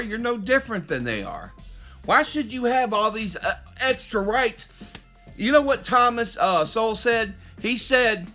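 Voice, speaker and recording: This middle-aged man, a podcast host, sounds high, pushed, and bright as he preaches an impassioned opinionated monologue straight to his audience. He restarts himself frequently.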